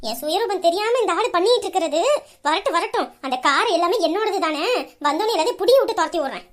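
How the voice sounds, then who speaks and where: A young wife in a comedy skit, as a woman plays her, muttering grumbles and plots to herself. The voice sits very high and thin. It is a home-made sketch with a plain sound. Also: expressive, fast, background noise. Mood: grumbling.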